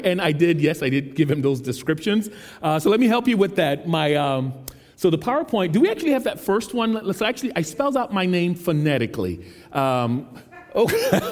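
A man in his thirties with a bright, high-set voice delivers a relaxed, conversational sermon. He slips in self-deprecating jokes as he goes. A long hall reverb trails every phrase. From United States. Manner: casual, self-deprecating and joking. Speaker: teaching pastor. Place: large church sanctuary.

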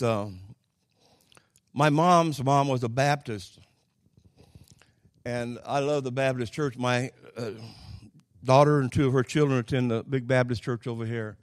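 An older male preacher speaks in an Oklahoma accent at a mid-range pitch. His delivery is folksy and plainspoken, pausing and repeating himself as he tells stories, then pressing hard on key lines. The sound is dry, with very little room on it. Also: no room sound. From Oklahoma, United States. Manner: folksy, plainspoken, halting with pauses and repetitions. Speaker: Pentecostal preacher. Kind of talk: sermon with personal storytelling.

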